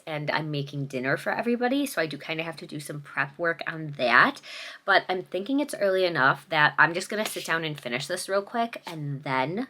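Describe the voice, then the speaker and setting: A woman's voice: low-pitched, bright, forceful tone. A young adult woman chatting casually in a vlog, enthusiastic and full of fillers, sometimes out of breath. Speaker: book vlogger.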